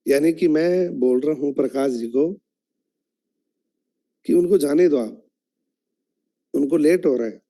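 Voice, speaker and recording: A man's voice: a little high, takes it slowly, pauses often, mellow. A man running an online training meeting, explaining his point in an instructive way and asking the audience questions.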